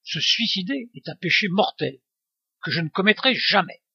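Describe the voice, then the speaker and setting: Man reads a gentle, pleading old widow; high, dry, slightly dull recording. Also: big pitch swings, moderate pace, breathy edge, no room sound, full character voice. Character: frail 82-year-old pious widow.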